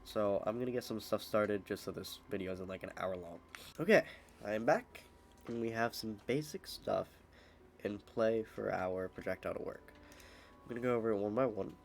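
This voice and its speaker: The host of this screen-recorded modding tutorial is a young man whose fairly low, creaky voice moves at a moderate pace, with slight hiss or hum underneath. He explains each step with many "uh"s. Having recently been sick, he sounds a little off.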